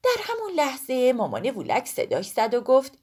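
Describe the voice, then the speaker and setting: Woman storyteller for kids: high, expressive, affectionate. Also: slightly rough. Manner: warm, affectionate address to children. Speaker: children's storyteller. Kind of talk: storybook narration for children.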